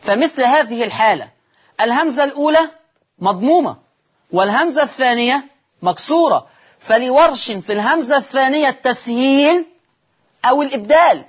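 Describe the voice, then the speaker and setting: In a TV studio, an Egyptian-accented man teaches the rules of Quran recitation, demonstrating each reading and asking questions that he answers himself. His voice is very high-pitched and animated, a little fast, with long pauses.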